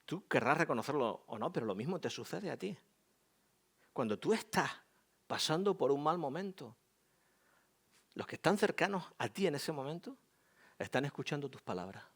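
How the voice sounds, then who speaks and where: A middle-aged pastor with a Spanish accent from Spain delivers a sermon in a loose, joking, conversational way. His fairly high voice swoops up and down with lively pitch. He keeps the tone animated throughout. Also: moderate pace, long pauses, husky.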